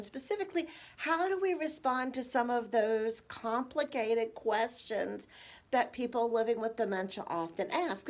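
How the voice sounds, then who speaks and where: A nurse speaks to caregivers in a fairly high, conversational voice. She walks through examples and poses rhetorical questions as she teaches. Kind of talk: instructional talk to caregivers.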